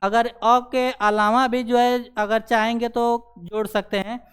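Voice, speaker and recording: With an extremely high, level voice that is clear, resonant and a bit bright, a man teaches grammar unhurriedly in classroom fashion. He asks and answers his own questions, saying "ठीक है" ("theek hai") after nearly every sentence.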